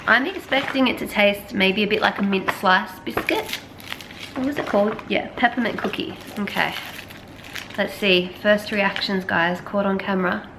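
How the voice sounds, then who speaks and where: Chatty woman, gravelly edge. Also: mid-range voice, moderate pace, background noise. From Australia. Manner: chatty, self-deprecating, talks with mouth full while tasting. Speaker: lifestyle vlogger. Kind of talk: casual vlog chat. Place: small apartment indoors.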